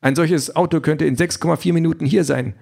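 A man's voice: a little high, a little fast, vocal fry, darkish tone, husky, pitched above the performer's own voice. A man voicing a fussy, overly formal self-driving car that is eager to please. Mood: prim, polite.

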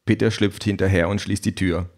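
A man's voice: deep voice, steady tone, brisk, a little mellow. A man narrating an audiobook with a dry, ironic delivery.

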